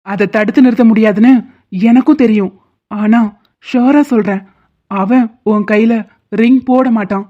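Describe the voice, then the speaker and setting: Cartoon lead: a woman playing a confident young boyfriend, brusque but reassuring, fairly high voice, lo-fi audio. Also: fairly even intonation, normal speed, pauses often, natural voice. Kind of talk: cartoon drama dubbing. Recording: dull lo-fi audio.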